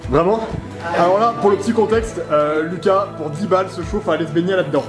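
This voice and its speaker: A man exploring a cave with friends, joking loudly and swearing, his voice bouncing off the rock walls. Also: high voice, fast. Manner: loud, joking, swears often. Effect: cave echo. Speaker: caver on the trip. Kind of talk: casual banter among friends. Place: underground cave. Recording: echoey cave with music over it.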